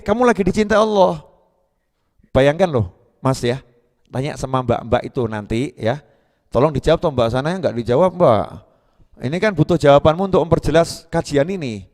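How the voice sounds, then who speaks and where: Chatty preacher in a reverberant hall. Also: male voice, fairly high pitch, darkish tone. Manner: conversational, teasing the audience, restarts words mid-syllable. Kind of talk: sermon to a live gathering. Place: religious gathering hall.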